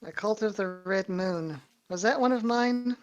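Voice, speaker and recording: A woman's voice: mid-range voice, a little slow, lo-fi sound. A woman chatting casually as a player in a tabletop role-playing game.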